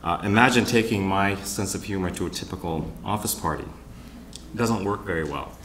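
A man moderating a panel at a conference, opening with wry, teasing jokes and pausing for laughs. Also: deep voice, fairly bright tone, echoey room, a little hiss or hum. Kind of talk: joking conference emcee remarks. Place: conference hall with live audience.

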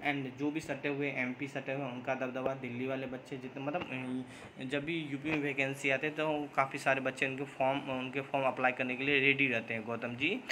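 Against a noisy background, a man with a medium-pitched voice that barely moves in pitch answers viewer comments on his job-update channel. His casual vlog talk wanders, with frequent fillers, restarts, and English words, and he admits to sometimes speaking too fast.

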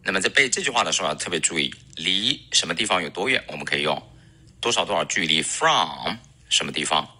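Deep lively male English teacher. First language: Chinese. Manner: explains slowly, models English words with drawn-out repetition. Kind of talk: recorded pronunciation lesson.

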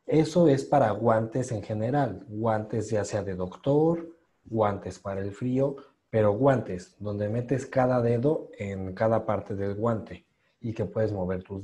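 A man leads an online pronunciation class. His voice is dark and mellow as he repeats each sound slowly and patiently. He praises students warmly after each try. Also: medium pitch. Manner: patient, encouraging, drills sounds by slow repetition. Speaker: English pronunciation teacher.

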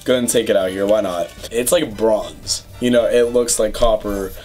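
A young man hosting a casual unboxing vlog at home, chatty and excitable, with lots of fillers and gushing. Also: fairly low pitch, normal speed, soft background music. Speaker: YouTube host. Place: home room with puzzles on the wall.

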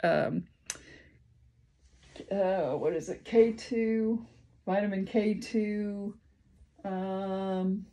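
A woman's voice: medium pitch, steady tone, very slow, pauses often, warm tone, muffled recording. A woman with a Midwestern American accent chatting casually in a home vlog, rambling with lots of ums and restarts and sounding tired. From Indiana, USA. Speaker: vlogger. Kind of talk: casual chat.

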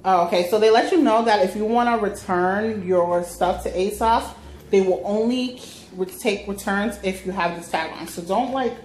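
A woman's voice: mid-range voice, a little mellow. A young woman chatting casually in a gushing, slangy, self-deprecating way, recorded on a phone in a living room. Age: young adult. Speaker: vlogger. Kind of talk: casual chatty unboxing vlog. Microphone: phone on a selfie stick, sometimes set back at a distance. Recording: roomy living room, background noise.

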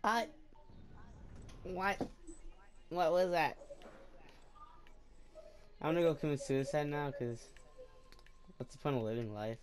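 Man, gameplay commentator, foul-mouthed and jokey, repeats lines, flares up loud, faint room hum behind. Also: a little high, slow pace, pauses often. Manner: crude, jokey, repeats himself, bursts of loud excitement. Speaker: gameplay video maker.

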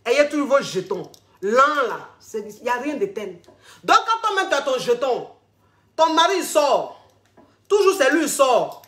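A woman's voice: sits high, very animated, moderate pace, fairly bright tone. A woman hosting a vlog, giving casual, familiar relationship advice and repeating herself as she speaks to her listeners as darling. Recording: roomy echo.

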